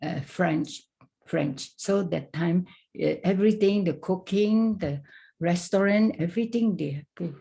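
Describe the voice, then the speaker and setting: An older woman from Vietnam, a guest on a family podcast, recalling her life in casual talk with halting, simple phrasing and many restarts. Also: on the low side, creaky, warm tone.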